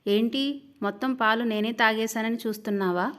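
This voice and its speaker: A woman's voice: a little high, normal speed, a bit bright, lightly acted. A woman voicing a teasing young husband who talks in a cool, sarcastic way.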